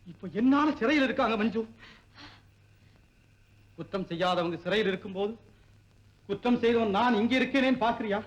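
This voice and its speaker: Actor as a grave avenging hero in an old film. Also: male voice, high-pitched. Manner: solemn and grave, turning to impassioned shouting. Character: grim young man set on revenge, breaking off his engagement. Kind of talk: 1960s Tamil film acting.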